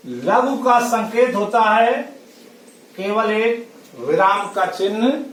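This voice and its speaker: Slow-speaking teacher, distant and roomy. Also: male voice, high voice. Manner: slow, drawn-out syllables while counting. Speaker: school teacher. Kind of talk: classroom lesson.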